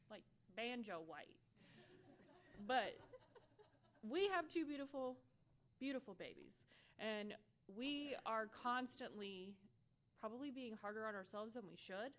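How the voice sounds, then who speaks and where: A woman's voice: medium pitch, a bit bright. A woman giving a conference workshop talk, candid and humorous with playful asides. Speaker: workshop presenter.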